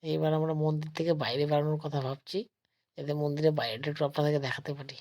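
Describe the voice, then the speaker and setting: A man narrates a casual vlog, talking slowly and quietly because of a sore throat. His delivery stays flat and even, with little rise and fall. It is recorded on a phone he holds himself as he walks around temple grounds. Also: fairly high pitch. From West Bengal, India. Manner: speaks slowly and softly, addressing viewers as friends. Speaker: travel vlogger. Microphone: phone held while filming.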